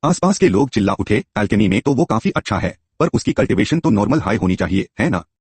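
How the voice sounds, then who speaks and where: Husky male storyteller with lively pitch. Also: fast. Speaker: narrator. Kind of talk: scripted story narration.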